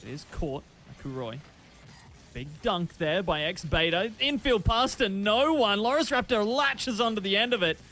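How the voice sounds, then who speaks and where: A man casting an esports match, calling plays quickly with frequent restarts. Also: sits high, expressive, sharp tone. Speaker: esports caster. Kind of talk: esports play-by-play commentary.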